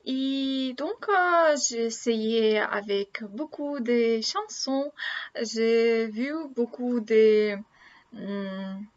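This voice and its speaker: A woman in her thirties from Russia, a native Russian speaker with a Russian accent, talks casually to camera in learner French, haltingly searching for words. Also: a little high. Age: 30s. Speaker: language-learning vlogger. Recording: dull lo-fi sound.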